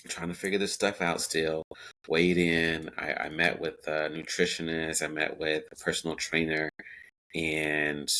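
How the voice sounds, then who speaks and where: Podcast guest, male, 40s, very low bright voice, reflective and chatty. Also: rough recording. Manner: reflective, many fillers and self-quotes. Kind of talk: casual interview talk.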